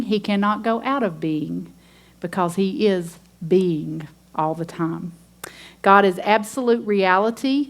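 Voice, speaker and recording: Woman teaching a sermon, earnest and emphatic. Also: mid-range voice. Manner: earnest, emphatic, reads scripture aloud. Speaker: women's ministry teacher.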